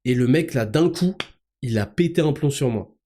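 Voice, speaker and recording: A man hosting a podcast, telling a personal story in a rambling, colloquial, animated way. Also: medium pitch, normal speed. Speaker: podcast host. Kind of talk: casual storytelling to listeners.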